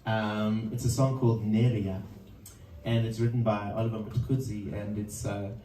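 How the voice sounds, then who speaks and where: A man with a fairly low voice, casually introducing a song at a live session. He speaks thoughtfully and hesitantly, with many pauses and fillers. The mic sits some way off in a reverberant room, with a faint hum of background noise. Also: flat delivery, warm tone, distant mic. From Zimbabwe. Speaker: singer-songwriter introducing a song.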